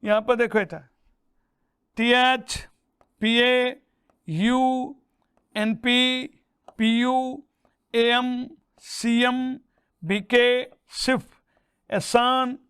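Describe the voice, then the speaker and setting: High-voiced, slow-drilling Hindi chemistry teacher. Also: male voice, a bit bright, clear, resonant tone, dry recording, clean studio sound. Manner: drilling students, repeating mnemonic chants slowly; addresses listeners as beta and bhaiya. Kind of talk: classroom lesson with mnemonics.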